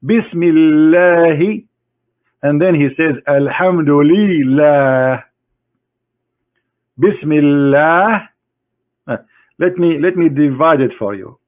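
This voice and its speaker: Expressive and a little high, a man talks at a moderate pace over tinny phone-like audio. He presents a screen demonstration as a religious critic, mocking and sarcastic, speaking scornfully straight to his opponent.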